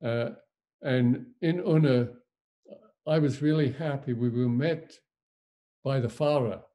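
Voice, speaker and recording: An older man from Germany, a Holocaust survivor recounting his memories in a lecture, speaking in a halting, reflective way with many pauses. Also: mid-range voice, warm tone.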